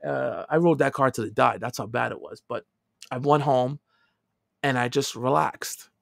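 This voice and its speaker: A man in his thirties, a podcast co-host, telling a story in casual chat, animated and swinging from loud outbursts to quiet asides. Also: medium pitch, normal speed, vocal fry, no echo, studio quality.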